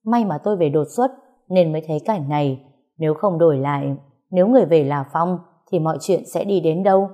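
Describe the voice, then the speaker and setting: Fields: low-voiced woman reading a story. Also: fairly quick, warm tone. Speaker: narrator. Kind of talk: first-person audio story narration.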